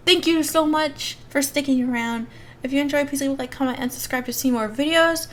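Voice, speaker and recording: A woman with a high voice and a slight hiss or hum reads a visual novel aloud with lots of expression. She's a YouTube host narrating the story for a gaming video.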